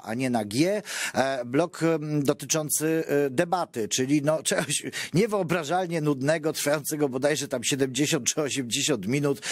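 A man's voice: mid-range voice, no echo, clean studio sound. A man hosting a political commentary show, talking in a chatty, mocking way and often addressing the viewers directly. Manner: mocking, chatty, keeps saying "dear viewers".

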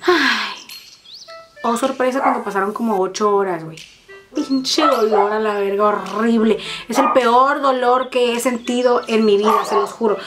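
A woman with a Mexican accent telling a personal story in fast, profane, dramatic casual chat. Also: a little high, over music. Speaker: vlogger.

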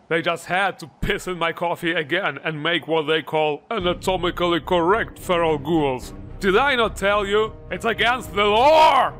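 A man with a slightly high voice delivers a sarcastic video game review. He sounds sardonic and exasperated and swears freely. Music plays faintly behind him. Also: fairly bright tone. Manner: sardonic, exasperated, foul-mouthed. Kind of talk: sarcastic scripted review narration.

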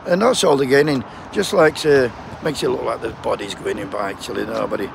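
This medium-pitched, creaky, brisk voice belongs to a striking postal union picketer from Sheffield, England, speaking with a Yorkshire accent. In casual vlog chat he jokes with passers-by, swears freely, and feels the cold. Roadside traffic rushes past the outdoor picket line throughout.

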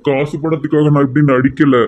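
A man's voice: fairly high pitch, level tone, a little fast, darkish tone, a little hiss or hum, close to an everyday voice. A man playing a lying, self-pitying bigamist husband in a comedy sketch. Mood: pleading. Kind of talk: amateur comedy sketch acting. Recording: dull lo-fi sound.

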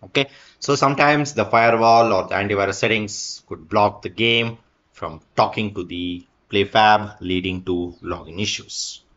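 A man's voice: on the low side, normal speed, a bit bright, dull audio. A man narrating a screen-recorded tech tutorial, reading an article aloud with fillers and small slips.

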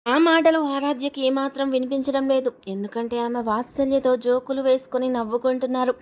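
A woman narrating a serial story in a steady, expressive storybook reading. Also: sits high, a little fast.

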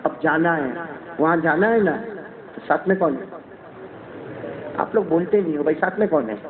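A man preaching a sermon in a mosque, urging the crowd to call back and swinging between soaring highs and low, hushed passages. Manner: urges the crowd to answer back; dramatic swings between high and low delivery. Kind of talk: Urdu sermon with call-and-response. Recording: echoey, tinny mosque recording with crowd.

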